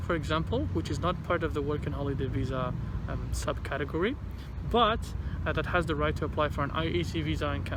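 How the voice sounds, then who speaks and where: Man talking through a face mask, noisy street. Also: fairly high pitch. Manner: halting, repeats words. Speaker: vlogger giving visa advice. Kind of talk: informal explainer to camera. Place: outdoors in a city. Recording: noisy outdoor city traffic background.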